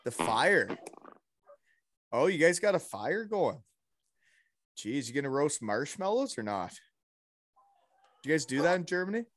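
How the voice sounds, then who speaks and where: A man's voice: on the high side, a little slow, long pauses. A man chatting casually with old friends on a video call, laughing often as he tells stories. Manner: laughing, animated storytelling. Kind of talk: casual chat.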